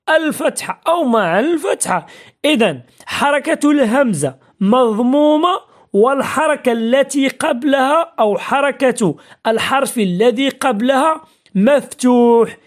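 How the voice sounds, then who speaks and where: A woman teaching a spelling lesson, patiently asking and answering her own questions and drilling example words slowly. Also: fairly high pitch. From Morocco.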